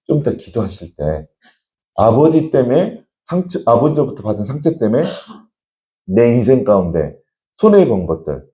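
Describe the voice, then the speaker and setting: A man's voice: medium pitch, sing-song, normal speed, mellow, reverberant. A male pastor preaching an emphatic sermon at a church prayer meeting, urging the congregation on.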